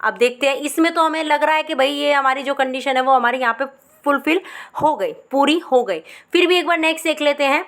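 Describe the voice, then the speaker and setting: A woman's voice: high voice, brisk, fairly bright tone. A woman teacher explaining English spellings, sounding words out syllable by syllable. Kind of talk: spelling lesson.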